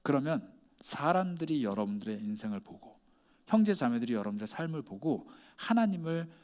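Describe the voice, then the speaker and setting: A man's voice: mid-range voice, big pitch swings, a little fast, darkish tone. A male pastor preaching a sermon, putting pointed rhetorical questions to his congregation.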